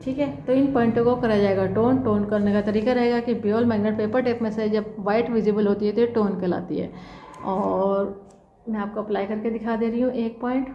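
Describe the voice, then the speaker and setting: A woman's voice: medium pitch, reverberant, lo-fi sound, slight background noise. A woman teaching acupressure, walking viewers through a demonstration and checking in often with "theek hai". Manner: instructive, frequent "theek hai" check-ins. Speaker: acupressure instructor. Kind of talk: demonstration tutorial.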